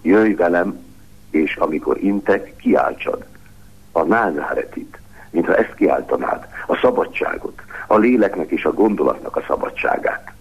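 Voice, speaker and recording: A man reading aloud the lines of a gentle, forgiving male spiritual master in a mild, soothing way. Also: low voice, expressive, gravelly, breathy edge, heavily acted. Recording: dull lo-fi radio broadcast.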